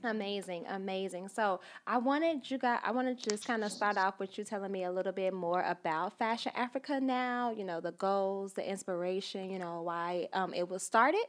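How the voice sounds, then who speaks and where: A woman's voice: mid-range voice, normal speed, hardly any pauses. A woman hosting a podcast interview in a casual, friendly way, with short affirmations between her guest's answers. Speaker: podcast host.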